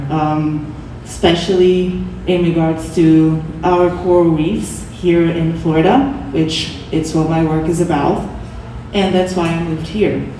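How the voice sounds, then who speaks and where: A young adult Brazilian woman who speaks Portuguese earnestly explains her art during a panel talk at a gallery event space, restarting a few times. Her voice is lowish and mellow, with slight background noise, and the distant mic captures an echoey room.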